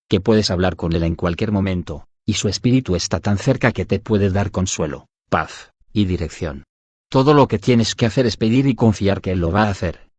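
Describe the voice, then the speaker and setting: A man narrating a devotional audiobook in an even, measured reading style. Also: low voice, no echo. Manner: even, measured reading that voices punctuation aloud.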